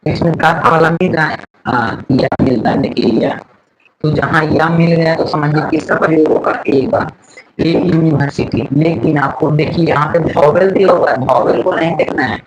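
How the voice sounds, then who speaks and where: This man's voice sits on the high side, and the background is noisy. Teaching English grammar at a slow pace, he says words and letters over again and quizzes his students.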